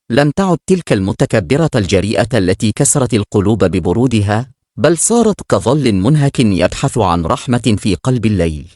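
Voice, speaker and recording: A man's voice: lowish voice, a little mellow, no room sound, studio quality. A man narrating a scripted moral story in a solemn, dramatic storytelling manner.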